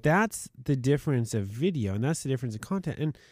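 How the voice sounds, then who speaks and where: A man co-hosting a podcast in an indoor studio, chatting casually at a middle pitch. He talks in long animated runs and jumps up high to mock clickbait. The sound is dry and close. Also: quick pace, dry recording. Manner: animated, mocks clickbait in high put-on voices. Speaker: podcast co-host.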